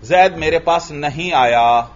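A man teaching Arabic grammar in a classroom lesson, reading the text in a slow chant and then explaining it and quizzing his students. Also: a little high, dull audio.

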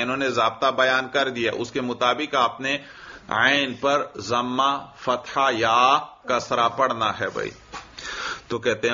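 Male teacher, slow deliberate delivery, reads then explains, lo-fi recording. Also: medium pitch, pushed and bright. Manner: reads a line of the text, then explains it and quizzes students. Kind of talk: classroom lecture explaining a text. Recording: dull lo-fi recording.

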